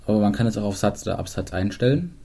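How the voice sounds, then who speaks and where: A man calmly demonstrating an app, explaining each step in a matter-of-fact tutorial style. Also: on the low side, fast talker, vocal fry, slightly rough.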